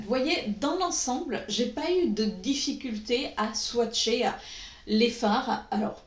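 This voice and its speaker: A woman walks through a makeup tutorial at an unhurried pace, pausing often and filling gaps with hesitations. Her voice sits a little high. The recording carries a noticeable echo from the room. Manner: slow, hesitant, many pauses and fillers. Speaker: beauty vlogger. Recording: echoey room.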